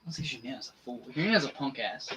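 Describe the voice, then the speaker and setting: Joking, self-deprecating streamer with a bright voice. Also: medium pitch, expressive, fast, poor audio. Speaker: co-host of a livestream. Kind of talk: casual livestream chat.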